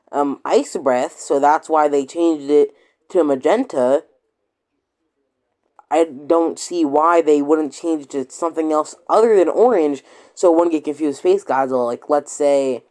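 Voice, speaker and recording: A man's voice: fairly high pitch, a little mellow. A man casually commenting on a video he is reacting to, rambling and hesitant with lots of fillers.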